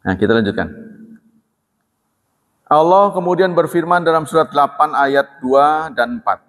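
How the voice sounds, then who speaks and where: A man's voice: fairly high pitch, lively intonation, normal speed, fairly bright tone. Preacher guy, storytelling sermon, echo from a big hall. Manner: storytelling with acted dialogue and humor.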